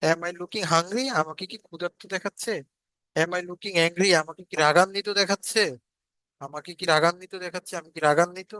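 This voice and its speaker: Male English tutor, bright tone, slightly high, dry close mic, drills example sentences slowly. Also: steady tone, no echo, poor audio. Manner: slowly repeats English example sentences, then translates them. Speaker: English teacher. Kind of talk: spoken English lesson.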